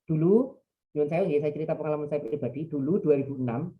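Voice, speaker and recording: A man's voice: on the high side, fast. A man in his thirties with an East Javanese accent, giving a chatty, digressive religious talk in a webinar. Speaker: preacher. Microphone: online call mic. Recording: dull lo-fi webinar audio.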